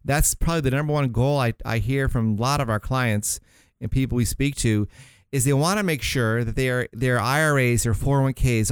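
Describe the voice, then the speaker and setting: A man's voice: medium pitch, clear, resonant tone, no room sound. A man hosting a talk radio show, explaining retirement planning in a rambling, conversational way and often restarting words.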